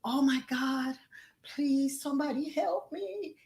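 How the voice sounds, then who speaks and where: A woman's voice: high-pitched, slow pace, darkish tone, pitched above the performer's own voice. A woman voicing a trapped male lion in a spiritual teaching story, first begging for help and then making false promises. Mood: pleading.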